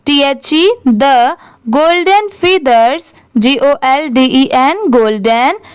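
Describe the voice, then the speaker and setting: Woman teacher, high voice, slow and deliberate, spells words out and quizzes the class, dry close sound. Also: smooth, no room sound. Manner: spells words letter by letter, then asks and answers the reading. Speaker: English reading teacher.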